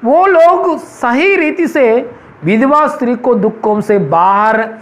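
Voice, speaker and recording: In a church sermon, a male pastor whose voice sits unusually high for a man preaches earnestly and emphatically, insisting on repeated hallelujahs. He speaks slowly and expressively.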